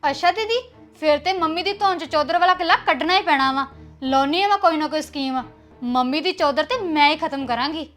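A young actress playing a headstrong new bride who speaks bluntly and defiantly. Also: female voice, high voice, fairly quick, fairly bright tone, soft background music. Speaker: actor. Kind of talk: web series drama acting.

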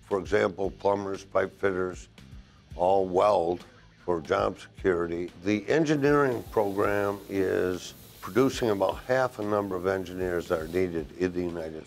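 A man in his sixties, a welding instructor, answering interview questions in a classroom with measured, deliberate phrasing and a lapel mic. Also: deep voice, gravelly. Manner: measured, deliberate, listing points with pauses. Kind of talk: interview answers to a program video. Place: classroom, indoors.

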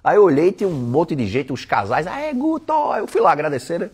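A man's voice: on the high side, huge pitch swings, fast talker, breathy edge. A man giving a blunt, profane motivational talk on a live stream. He tells stories and mimics the people in them. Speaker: online weight-loss coach.

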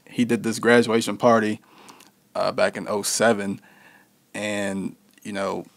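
A young man talks through an interview in an easygoing, unhurried way. His answers wander and loop back, padded with "you know" and "like". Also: fairly low pitch, level tone, creaky. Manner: laid-back, heavy with fillers like "you know". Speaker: interview guest, musician. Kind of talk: casual interview conversation.

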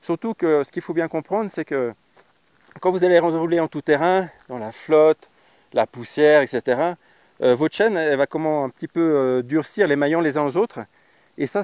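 A man in his thirties from France, who vlogs about motorcycle travel, chats casually outdoors on a grassy roadside, explaining how to do something for the camera. His voice is on the high side and a little mellow, captured dry by a lapel mic on his riding jacket. He talks bluntly, using slang and plenty of fillers.

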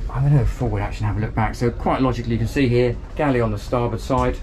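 A man's voice: medium pitch, fairly even intonation, rapid-fire, darkish tone, a little hiss or hum. A man casually walking a camera through a boat, chatty and upbeat, thinking aloud as he goes. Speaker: boat reviewer giving a walkthrough tour. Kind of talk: casual walkthrough vlog. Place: outdoors on a marina pontoon and inside a small motor boat cabin.

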